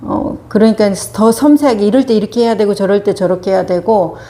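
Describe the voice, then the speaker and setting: A woman meditation teacher speaks in a casual, conversational dharma talk, her voice sitting in an ordinary middle register. She tells everyday stories at an easy pace, often pausing on small hesitations as she gathers her thoughts. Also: mid-range voice, mellow. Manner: conversational storytelling with frequent hesitations.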